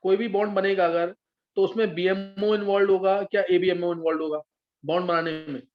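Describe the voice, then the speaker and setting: High-voiced male chemistry teacher, lo-fi. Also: fairly even intonation, brisk, soft background music. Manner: patient, checks understanding often. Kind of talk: live online class teaching. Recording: dull lo-fi sound.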